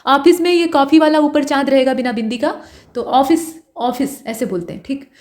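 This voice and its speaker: A woman's voice: high voice, a little fast. A woman teaching an exam-prep lesson, going through wrong and right spellings one by one in a patient, explaining manner. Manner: explains step by step, correcting each wrong form.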